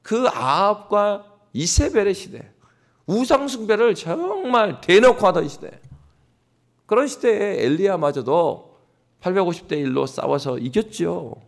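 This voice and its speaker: A male pastor preaching an animated early-morning sermon in a church, addressing the congregation directly. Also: high voice, measured pace, vocal fry. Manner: animated preaching, acts out scoffing voices. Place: church sanctuary.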